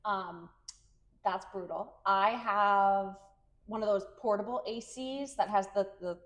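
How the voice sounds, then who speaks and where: A woman's voice: medium pitch, fairly even intonation, takes it slowly, a bit bright. A woman co-host of a casual podcast, talking in a loose, rambling way. She fills her sentences with "like" and laughs easily while she tells her stories. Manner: chatty, lots of fillers, laughs easily. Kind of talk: casual chat.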